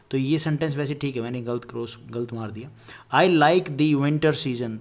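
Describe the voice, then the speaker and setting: A man teaches English grammar to a class in Hindi, speaking in a casual, explanatory way and addressing the students directly. When he reaches the English examples or word lists, he slows down and reads them out one by one, sometimes saying a word twice. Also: mid-range voice, a little mellow. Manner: lists words one by one, repeating some.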